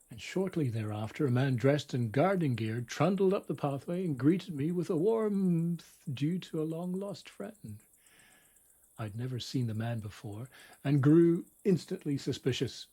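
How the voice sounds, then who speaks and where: A middle-aged man's husky, dark-toned voice, pitched in the middle range, narrates a scripted bedtime story and regularly falls to a whisper. He handles it with wry drama and deliberate care.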